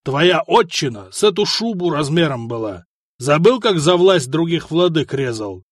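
A man reading an audiobook, voicing a calm upstart lord who sneers at a rival noble. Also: on the high side, moderate pace, dry recording, studio quality. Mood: sardonic. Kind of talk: audiobook character voice.

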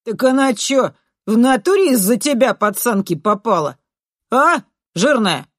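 A woman's voice: a little high, sing-song, unhurried, no room sound, clean studio sound, voice pushed up. A woman voicing a coarse, dim-witted schoolboy bully who drawls slang. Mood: jeering.

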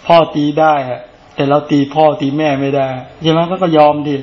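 A man's voice: a little high, level tone, a little fast, lo-fi sound. A male Buddhist monk giving a casual dharma talk, talking conversationally and often asking rhetorical questions.

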